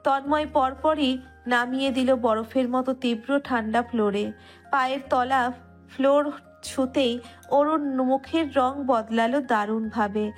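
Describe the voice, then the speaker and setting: High-voiced woman narrating over music. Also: fairly even intonation, measured pace. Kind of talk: scripted romantic story narration.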